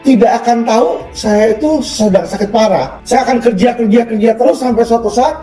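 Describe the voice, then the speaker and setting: A man with a notably high voice tells his own story in an earnest, sermon-like way, often addressing his listeners directly. He sounds a little distant from the microphone, and the room adds a clear echo. Soft music plays faintly underneath. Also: brisk. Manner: emphatic, preachy, peppers talk with asides to listeners. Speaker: lawyer.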